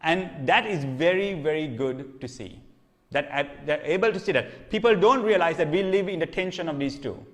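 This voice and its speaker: Recorded in a long-reverb hall, a man with a fairly high voice gives sermon teaching at a moderate pace. He keeps it conversational, often checking in with "okay?" and frequently repeating or restarting what he says.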